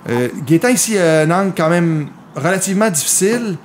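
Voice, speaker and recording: Male golf commentator, Quebec French accent, slightly high pitch, explanatory, some background noise. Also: lively intonation, brisk. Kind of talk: live mini-golf match commentary.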